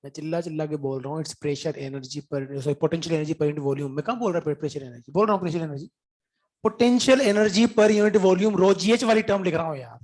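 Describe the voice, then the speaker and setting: In an informal, chatty physics lecture, a man mixes English terms into his speech, clears his throat now and then, and coaxes the class by checking whether they followed. His voice is a little high with a darkish tone, and he talks fast with hardly any pauses.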